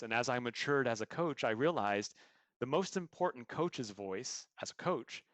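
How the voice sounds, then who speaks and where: A man's voice: mid-range voice, a bit bright, no echo. Earnest man coaching in a dry room. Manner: earnest, explains through stories and examples. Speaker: guest coach. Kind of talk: podcast interview answers.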